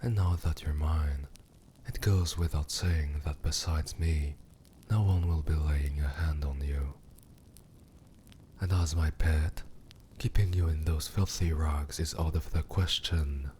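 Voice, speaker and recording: Slow, deliberate, and steady, a man's extremely deep, dark voice brings a demon king to life for scripted ASMR roleplay. He sounds mellow and breathy atop a faint low rumble, smug and possessive, with a cruel, condescending menace that seems coolly amused.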